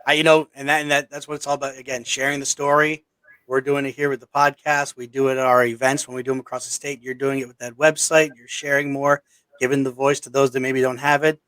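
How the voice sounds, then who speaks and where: Man, podcast host, easygoing, flat intonation, dry recording. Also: medium pitch, quick pace, smooth, no room sound. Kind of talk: casual podcast hosting.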